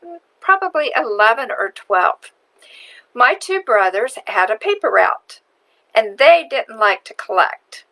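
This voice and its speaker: A woman with a high, bright voice telling a childhood story in an online video. She takes her time and lingers over each phrase. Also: rough recording. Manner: slow, deliberate storyteller. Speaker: marketing video host. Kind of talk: storytelling vlog.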